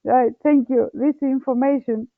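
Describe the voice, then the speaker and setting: A woman's voice: high-pitched, steady tone, normal speed, no room sound, phone-quality sound. A woman chatting casually on a group call, heard through thin call audio.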